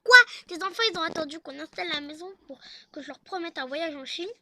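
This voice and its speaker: A pushy, hurried preppy mother from a toy-game role-play, calling out in a loud, scolding way, as a woman puts her on. The voice is high and bright, with a faint hiss in the background. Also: exaggerated voice.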